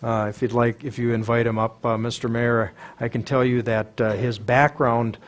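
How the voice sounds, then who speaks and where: A man giving reports at a city council meeting. He speaks haltingly, with many fillers. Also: mid-range voice, flat delivery. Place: council chamber.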